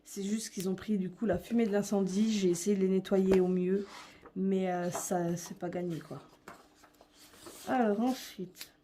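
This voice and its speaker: Young woman vlogger, warm mellow tone, loose rambling chat, faint background noise. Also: medium pitch, steady tone, unhurried. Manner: chatty, hesitant, many fillers. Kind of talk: casual chat showing her coloring books.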